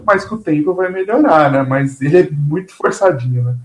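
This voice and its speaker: A man's voice: fairly high pitch, lively intonation, moderate pace. A Brazilian man gossiping casually about TV series in a campy, slangy way. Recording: roomy, echoey voice pickup.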